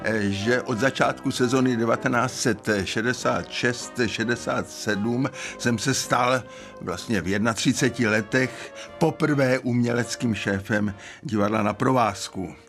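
Older man, former theatre director; gravelly, middle-pitched voice, telling his memoirs in a measured way. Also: fairly bright tone, soft background music. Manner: measured, with frequent hesitant fillers. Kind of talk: reflective spoken memoir.

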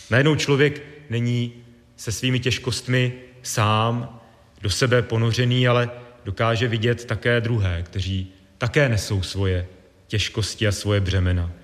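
A man preaching a sermon in a measured, deliberate way with pauses. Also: medium pitch. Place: church. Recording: long reverb of a church.

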